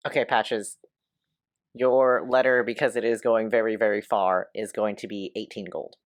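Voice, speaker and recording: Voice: mid-range voice, little pitch movement, moderate pace, no echo, studio quality. The game master of a tabletop game, narrating scenes and rulings with a playful manner and frequent laughter.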